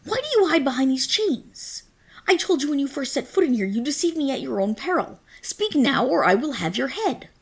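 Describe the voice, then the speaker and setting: A woman plays a proud, possessive dragon queen in a dramatic ASMR roleplay, sounding furious. Her diction is regal, commanding, and formal, and her breathy, husky, creaky voice sits high, sing-song, and exaggerated at a normal speed.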